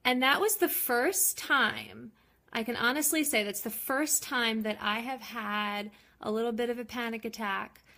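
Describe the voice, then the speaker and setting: Chatty bright-voiced young woman. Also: on the high side, unhurried. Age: 20s. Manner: chatty and open, with many ums and likes. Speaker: vlogger. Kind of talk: casual personal vlog.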